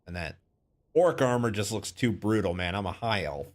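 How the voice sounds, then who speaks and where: A man's voice: on the low side, lively intonation, normal speed. A man streaming a game, casually thinking aloud and rambling as he plays. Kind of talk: casual live-stream gameplay commentary.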